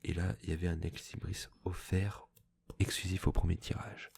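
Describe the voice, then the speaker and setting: A man speaking in a hushed, soft-spoken ASMR manner, slipping into whispers, with a husky, breathy voice, chatting casually as a host. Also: sits low, flat delivery, normal speed, slight background noise. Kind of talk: soft-spoken ASMR, casual chat about book purchases.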